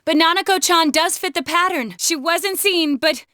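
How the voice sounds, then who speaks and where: Casting: young game detective, high voice, dry sound, precise, formal, analytical. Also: female voice, pushed and bright, dry recording. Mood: grave, explaining. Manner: measured, formal explaining. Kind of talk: dramatic game voice acting.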